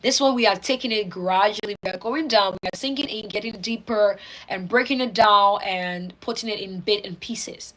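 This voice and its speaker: A woman's voice: medium pitch, normal speed, few pauses, a bit bright, poor audio. A young woman hosting a casual livestream, reading out viewer comments in a bubbly way, laughing often and repeating words for emphasis. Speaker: livestream host.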